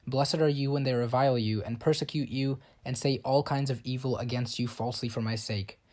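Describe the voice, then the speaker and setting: Man reading liturgy slowly. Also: medium pitch, steady tone, darkish tone. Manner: slow, measured chant-like reading. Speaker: church reader.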